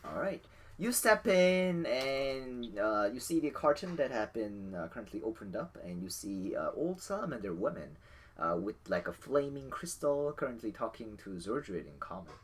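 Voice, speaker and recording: Male game master, lively intonation, halting improvised narration, conversational tabletop delivery. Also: medium pitch, breathy edge.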